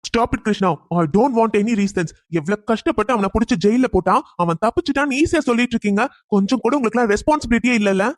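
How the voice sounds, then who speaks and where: A man's voice: extremely high pitch, fast talker, few pauses, no echo. Young police husband, stern and protective, played by a man, dry studio read. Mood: angry. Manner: angry scolding on the phone, tender with his wife. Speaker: police officer character.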